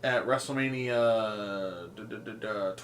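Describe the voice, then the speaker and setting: A man's voice: fairly low pitch, slow pace, a little hiss or hum. A man co-hosting a casual podcast, rambling through a list with frequent ums, swearing and laughing at his own jokes. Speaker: podcast co-host.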